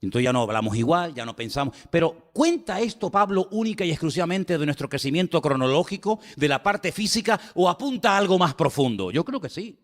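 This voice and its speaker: Spanish pastor preaching in an echoing hall. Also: male voice, on the high side, big pitch swings, brisk, hardly any pauses. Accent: Spain Spanish. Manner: emphatic, repeats phrases, asks the congregation rhetorical questions. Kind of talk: sermon.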